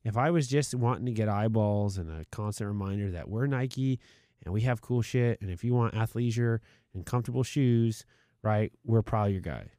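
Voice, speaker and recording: A man co-hosting a casual podcast chat in a studio, talking in long animated runs. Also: moderate pace, no room sound. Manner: animated, mocks clickbait in high put-on voices. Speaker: podcast co-host.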